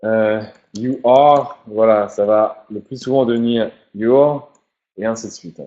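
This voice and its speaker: A man giving an informal English lesson, slowly repeating example phrases. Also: fairly low pitch, mellow, lo-fi sound. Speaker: English teacher.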